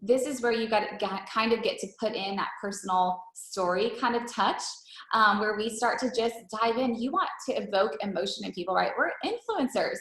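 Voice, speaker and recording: On an echoey, roomy call, a female coach runs a casual team training session, talking at length in a conversational style and constantly checking in with rhetorical questions. Her mid-range voice is a bit bright and a little fast.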